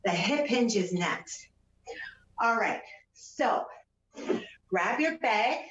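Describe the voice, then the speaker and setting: A woman leading a home workout as a fitness instructor, counting out repetitions and giving short, encouraging, energetic cues. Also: medium pitch, extremely slow, slight background noise. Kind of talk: exercise class instruction with counting aloud. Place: indoors at home, room with a couch. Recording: roomy, distant, dull home-video sound.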